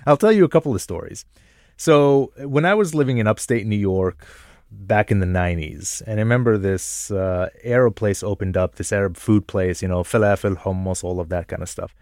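A man from Jordan telling personal stories in a relaxed radio conversation, thoughtful and quick to laugh. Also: lowish voice, dry recording, clean studio sound. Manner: thoughtful, self-reflective, laughs easily.

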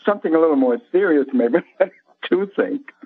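An older man calling in to a show over the phone, talking in a halting, friendly, rambling way. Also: on the high side, animated, slightly rough. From Washington State, US. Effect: heard over a phone line. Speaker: radio show caller. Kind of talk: casual call-in chat. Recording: tinny phone line.

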